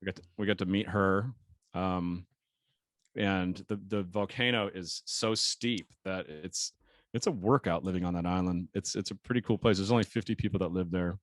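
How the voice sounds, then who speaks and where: An American man, a sailor guest on a podcast, telling stories in an animated, casual way with laughs and the odd swear word. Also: deep voice, normal speed, no room sound. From United States. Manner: animated storyteller, laughs often, relaxed swearing. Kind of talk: casual chat.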